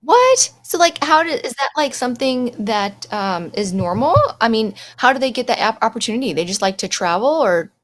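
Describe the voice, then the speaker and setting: A woman's voice: on the high side, moderate pace, hardly any pauses. Woman interviewer, eager and inquisitive, reacts with surprise. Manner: curious, animated questions with exclamations. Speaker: interview host. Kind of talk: interview conversation.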